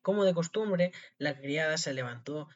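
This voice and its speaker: A man's voice: on the high side, normal speed. A man narrating a fairy tale aloud, with small slips and restarts. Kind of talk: storybook reading. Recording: dull lo-fi recording.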